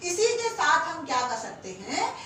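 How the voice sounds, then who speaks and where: A woman teaches Hindi grammar to exam students in a classroom lecture, answering her own rhetorical questions, calling them "beta," and stretching example sentences out slowly word by word. Her very high, sharp voice swings widely in pitch. The rough recording is very echoey and distant, with a little hiss or hum.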